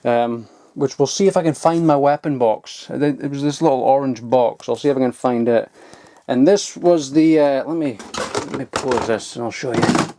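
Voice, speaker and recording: A young adult man in his home loft shows off old toys in an informal vlogging style. His mid-range, dark-toned voice moves at normal speed, casual, sweary and enthusiastic.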